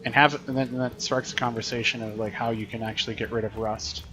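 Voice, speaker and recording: A man talking through a video game as a teacher, chatty and explanatory, thinking aloud as he plays. His voice sits in a middle pitch, with faint room noise behind him. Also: fairly even intonation, fast, bright, forceful tone. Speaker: teacher streaming gameplay. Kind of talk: casual gameplay commentary.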